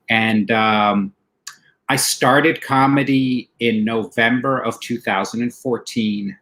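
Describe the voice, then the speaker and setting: A man's voice: mid-range voice, a bit bright, low-quality recording. Middle East-born male comedian, forties, loose rambling interview talk. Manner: rambling, repeats himself, says man a lot. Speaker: comedian guest. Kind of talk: casual interview chat.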